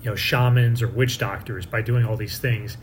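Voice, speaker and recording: A man's voice: fairly even intonation, moderate pace. A man speaking as a priest at Mass, giving scripture readings and an informal homily in a plain manner. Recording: clear background noise with low rumble.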